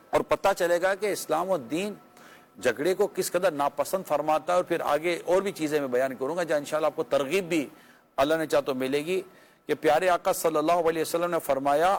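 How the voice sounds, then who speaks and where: Man, Pakistani Urdu accent, religious scholar, earnest advice talk, somewhat high voice. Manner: earnest, conversational, with pious formulas and rhetorical questions. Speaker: religious scholar answering questions.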